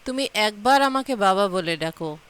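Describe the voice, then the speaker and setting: A woman reading the lines of a tearful, pleading older father-in-law in a serial recap, in a slightly high voice. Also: lively intonation, normal speed, a bit bright, smooth. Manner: pleading, emotional.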